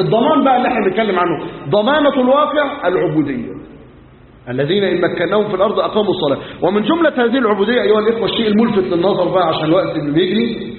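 Egyptian sheikh preaching fast, acts out the stories, tinny lo-fi sound with a big hall echo. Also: male voice, high-pitched. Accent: Egyptian Arabic. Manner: colloquial storytelling, acting out dialogue, emphatic rhetorical questions. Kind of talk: sermon. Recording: echoey hall, phone-like lo-fi sound.

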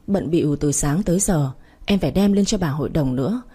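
Brief: female audiobook narrator, low pitch, husky, dark mellow tone. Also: expressive, brisk. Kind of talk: first-person audiobook story narration.

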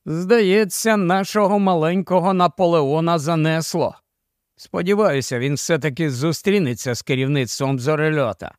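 A man's voice: on the high side, moderate pace, no room sound, studio quality, natural voice. A man voicing a weary, resigned scientist. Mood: worried. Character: weary male scientist, sober and worried.

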